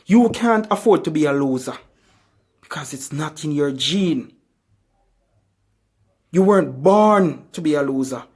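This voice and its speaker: A man giving a motivational speech, with emphatic, repetitive rhetorical questions and slow, drawn-out stresses on key phrases. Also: fairly high pitch, expressive, slightly rough. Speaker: motivational speaker.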